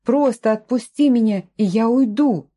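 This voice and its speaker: A woman's voice: a little high, moderate pace, mellow, voice pushed up, close to an everyday voice. A woman reading the lines of a frightened but defiant young woman who answers back sharply, in a storybook reading.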